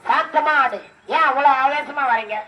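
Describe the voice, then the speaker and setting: A man leading a temple ritual, coaxing a possessed devotee with repeated questions and sudden shouted calls. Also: very high-pitched, moderate pace, dull audio. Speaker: temple ritual drummer and officiant. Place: temple festival. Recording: echoey, distant mic. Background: drums and music.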